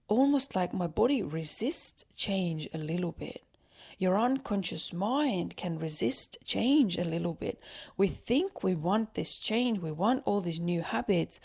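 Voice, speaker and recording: A woman's voice: fairly low pitch, a little mellow. A woman hosting a solo motivational podcast, talking earnestly and encouragingly with lots of "like" and "um" fillers. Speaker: podcast host.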